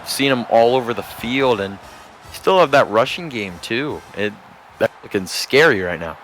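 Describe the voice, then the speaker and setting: A man giving play-by-play commentary on a video game football stream, measured and steady, rising to shouts on big plays. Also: mid-range voice, soft background music. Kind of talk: sports commentary.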